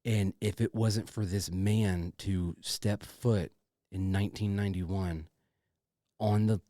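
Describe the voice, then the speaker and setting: A man's voice: lowish voice, fairly even intonation, takes it slowly, mellow, no echo, clean studio sound. A man co-hosting a casual podcast, talking effusively and informally, often repeating himself. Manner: effusive, repetitive, informal with swearing. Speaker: podcast co-host.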